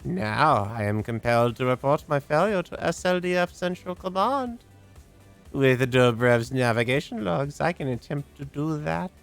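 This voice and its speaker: A man's voice: fairly high pitch, lively intonation, creaky, pitched above the performer's own voice. Man putting on a solemn, stilted game AI. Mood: solemn, driven. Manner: deliberate, formal, stilted. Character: solemn, formal artificial intelligence of a lost machine. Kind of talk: video game dialogue read aloud. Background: game music.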